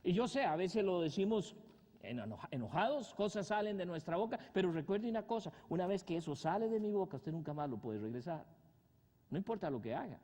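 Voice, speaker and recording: A man preaching a sermon, asking the congregation rhetorical questions and swinging from loud rises to soft drops. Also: high voice, very animated, brisk. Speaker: pastor. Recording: long hall reverb.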